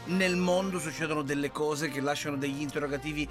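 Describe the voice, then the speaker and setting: A male radio host in comic banter, mock-serious, then breaking into shouting. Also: fairly high pitch, fairly even intonation, fast, loud music behind the voice.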